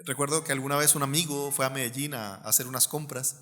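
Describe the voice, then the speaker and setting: Animated Colombian pastor preaching in a hall. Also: male voice, medium pitch, fast talker, soft background music. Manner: animated, acts out quoted voices. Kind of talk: sermon.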